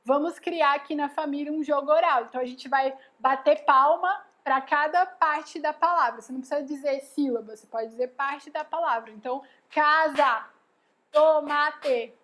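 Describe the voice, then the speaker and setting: A woman's voice: high-pitched, steady tone, fairly quick, hardly any pauses, fairly bright tone. A woman giving a casual live lesson, explaining step by step and often checking in with "né?" and "tá bom?". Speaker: educator giving a live class.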